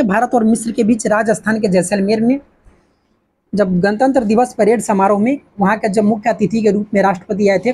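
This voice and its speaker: A woman's voice: mid-range voice, a little mellow, breathy edge. A woman teaching an exam-prep lesson, asking questions and answering them herself. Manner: repetitive, asks and answers her own questions.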